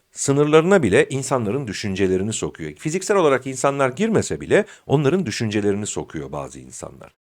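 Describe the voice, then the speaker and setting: Middle-aged guy doing a motivational pep talk, very expressive pitch, chatty and direct like he's talking to a buddy. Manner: animated, addresses the listener directly as a friend. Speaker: self-confidence coach.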